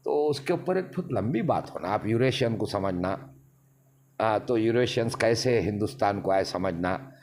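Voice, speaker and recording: A man's voice: lowish voice, expressive, moderate pace, darkish tone. Emphatic man lecturing. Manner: lecturing, emphatic, long winding explanations. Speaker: interview guest, party leader. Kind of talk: casual interview talk.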